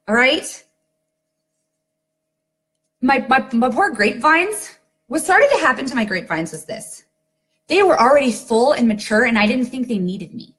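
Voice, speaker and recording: A woman in a casual live-video talk to her sales team, fairly high-voiced and very lively in pitch. She tells stories in a chatty, loose way, leaning on "like" and checking in with "okay?" and "right?" as she goes. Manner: chatty, lots of "like" and "okay?", animated storytelling. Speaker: network marketing team leader.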